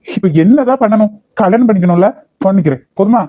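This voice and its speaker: Brief: grudging Kanyakumari young man in a cartoon, voiced by a man, mellow and high. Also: fast talker, no room sound. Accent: Kanyakumari Tamil. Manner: blunt, grudging. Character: stubborn young man, nephew. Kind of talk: cartoon voice acting.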